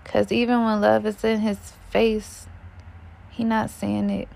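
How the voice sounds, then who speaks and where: Woman vlogger, casual rambling chat, slow delivery with a gravelly edge. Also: mid-range voice, flat delivery, darkish tone. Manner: rambling, musing aloud, self-correcting.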